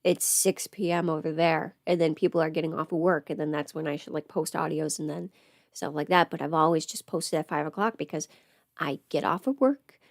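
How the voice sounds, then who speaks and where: A woman whose voice sits low is recorded at studio quality, with no room sound. As a livestream host and audio creator stuck at home with covid, she rambles casually, thinking aloud and cutting in on herself.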